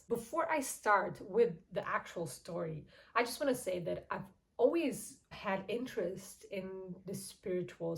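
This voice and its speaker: A woman's voice: medium pitch, creaky, rough recording. Chatty young Portuguese woman vlogger. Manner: chatty and candid, with frequent soft laughs. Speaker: YouTube channel host. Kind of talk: casual personal storytelling to camera.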